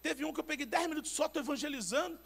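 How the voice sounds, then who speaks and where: A Brazilian man preaching a sermon as pastor, telling personal anecdotes in an animated, emphatic way with repeated words. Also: very high voice, very fast, creaky. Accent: Brazilian Portuguese.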